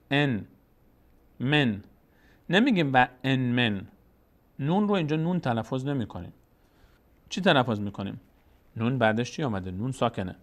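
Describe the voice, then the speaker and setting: A man teaching Quran recitation rules step by step, slowly drawing out each example word. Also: mid-range voice. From Tajikistan.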